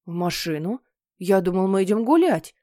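A woman's voice: mid-range voice, lively intonation, moderate pace, dark tone, no echo, studio quality, natural voice. A woman voicing a stubborn young boy who whines and protests. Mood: whiny. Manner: whining, defiant. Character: whiny stubborn boy who hates outdoors.

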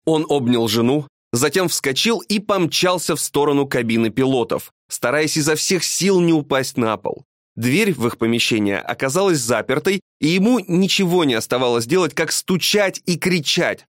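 A man narrating a storybook with an expressive, dramatic reading. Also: a little high, normal speed, dry recording, clean studio sound.

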